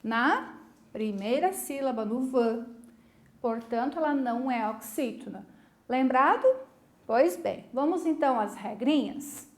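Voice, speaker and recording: A woman's voice: fairly high pitch, animated, a little slow, echoey room. A woman teacher giving a recorded video lesson in a patient, encouraging way, often checking that students follow. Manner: patient, encouraging, asks the class many check questions.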